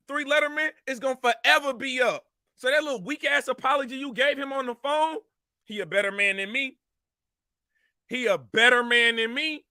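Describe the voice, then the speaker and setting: Fired-up man ranting, high bright voice. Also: no echo, clean studio sound. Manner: angry, repetitive, confrontational. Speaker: commentary show host. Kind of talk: heated rant to camera.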